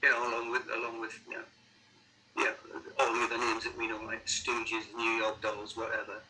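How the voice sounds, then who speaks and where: A middle-aged or older man with a Sunderland accent, chatting casually as an interviewed musician, halting and repeating words as he thinks. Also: mid-range voice, monotone, sharp tone, a little hiss or hum, poor audio. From Sunderland, North East England.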